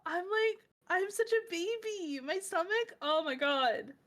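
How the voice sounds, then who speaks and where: A woman's voice: very high voice, unhurried, a bit bright. A woman guest in a casual chat who reacts bluntly and swears casually. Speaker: guest streamer.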